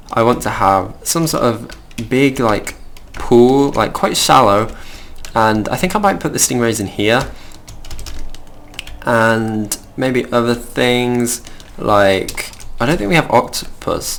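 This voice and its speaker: A man's voice: medium pitch, lively intonation, slow, gravelly, a bit bright, slight background noise. A young man from the middle of England with a Midlands accent, chatting casually and rambling as he plays and hosts a game video. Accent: Midlands English. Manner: chatty, rambling, easily distracted. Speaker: gaming channel host.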